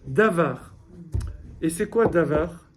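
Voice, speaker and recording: A man's voice: fairly high pitch, lively intonation, slow pace, background noise. A man teaching a classroom lesson, patiently explaining step by step and quizzing his students. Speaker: Hebrew teacher.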